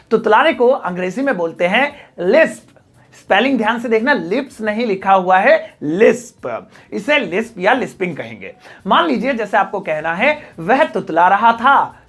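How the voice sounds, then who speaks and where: Man from delhi teaching english words in hindi, says each english line twice, slow and careful. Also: high voice, fairly bright tone. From Delhi, India. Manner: repeats each English example slowly and deliberately. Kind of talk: spoken language lesson.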